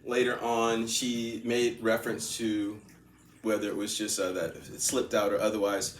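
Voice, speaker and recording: A man's voice: lowish voice, little pitch movement, moderate pace, slight background noise. A man casually telling a long story, rambling, laughing often and repeating himself. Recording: echoey room with faint ambience.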